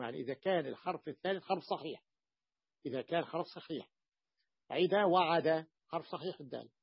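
A man's voice: fairly high pitch, breathy edge, no echo. A male teacher explaining a grammar text to his students, repeating terms and often asking the class questions. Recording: dull lo-fi dry recording.

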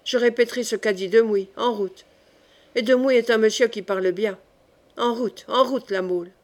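Woman voicing brash male swordsman, blustering, oath-swearing, higher register. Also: normal speed, lightly acted. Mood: urgent.

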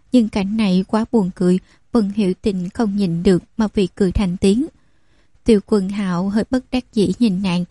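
Mellow woman narrating a story. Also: medium pitch, no echo. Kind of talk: audiobook narration.

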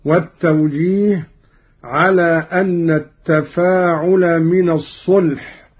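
A man presenting a formal radio lesson on Quran recitation variants, with a measured delivery that slows further to demonstrate each recited phrase. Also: on the high side, steady tone, husky. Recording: dull lo-fi old radio recording.

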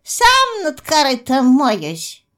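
A shrill, wrinkled little innkeeper from an audiobook, boastful and fussy, as a woman narrator puts him on. He squeaks high and swings his voice about as he protests. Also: huge pitch swings, very slow, fairly bright tone, exaggerated voice. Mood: brusque. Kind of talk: audiobook character voice.

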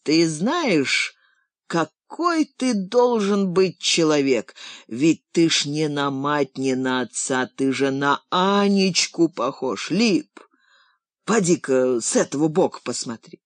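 A narrator voicing a sentimental, grumbling old grandfather in an audiobook, in fond, gruff, folksy talk. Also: medium pitch, animated, slow, no room sound. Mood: doting. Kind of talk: audiobook character reading.

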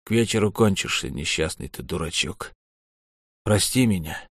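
A man doing a hushed, grim warrior. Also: expressive, moderate pace, breathy edge, no room sound, studio quality, heavily acted. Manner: low and hushed. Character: grim, quiet male warrior.

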